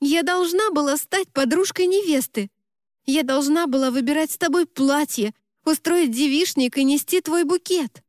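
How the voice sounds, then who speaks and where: A woman's voice: high voice, unhurried, a little mellow, no room sound, studio quality, voice pushed up. A woman voicing an indignant young female best friend who shrieks her reproaches. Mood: outraged.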